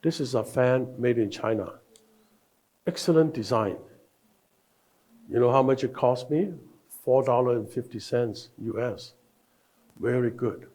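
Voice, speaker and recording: Older guy w/ teaching a leadership workshop, slow and emphatic, mellow voice. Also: mid-range voice. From Hong Kong. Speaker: workshop speaker.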